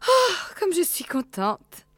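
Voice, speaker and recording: A man putting on a shrill falsetto to voice a middle-aged wife in an audiobook. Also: huge pitch swings, takes it slowly, sharp tone, dry recording, clean studio sound, full character voice. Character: relieved fussy wife, middle-aged woman.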